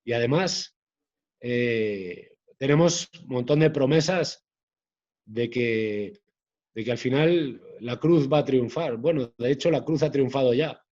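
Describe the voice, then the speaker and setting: Measured man, slightly muffled audio. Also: medium pitch, darkish tone. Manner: measured, hesitant with frequent restarts. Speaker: author and guest. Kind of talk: conversational interview.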